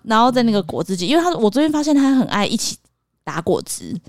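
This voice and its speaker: A mother, co-hosting a podcast and explaining how to handle a toddler in a quick, expressive way. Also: a little high, no echo, studio quality. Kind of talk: casual chat, giving parenting advice.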